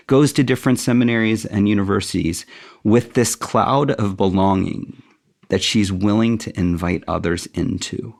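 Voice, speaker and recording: A middle-aged man with a fairly low, gravelly voice appears as an interview guest. In a reflective conversation, he comes across as thoughtful and candid, with a touch of self-deprecation.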